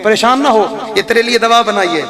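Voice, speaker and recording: A very high-voiced man with a Pakistani Urdu accent delivers a dramatic sermon, stretching his lines into drawn-out emotional cries. His voice rings through the wide reverberant space of a large mosque hall. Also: a crowd in the background. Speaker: preacher. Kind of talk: impassioned sermon storytelling. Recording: echoey mosque PA recording.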